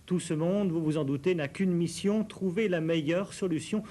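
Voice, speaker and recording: Mellow, higher-voiced male news anchor. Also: moderate pace. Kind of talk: scripted news presentation.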